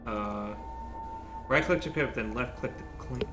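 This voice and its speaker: A man playing a video game with casual commentary, reading on-screen text aloud and muttering his reactions as he thinks out loud. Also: mid-range voice, normal speed. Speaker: gaming video host. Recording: music behind the voice. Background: game music.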